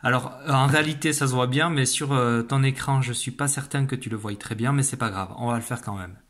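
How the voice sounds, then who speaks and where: A man teaching young children a phonics lesson, saying each sound slowly and carefully. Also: medium pitch, a bit bright. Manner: slow, careful, stretched-out pronunciation of sounds. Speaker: primary school teacher.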